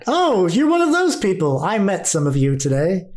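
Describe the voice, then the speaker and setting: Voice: medium pitch, wildly swooping pitch, normal speed, a little mellow. A game master voicing a bored, boastful young male alien ambassador who rambles and chatters. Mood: rambling.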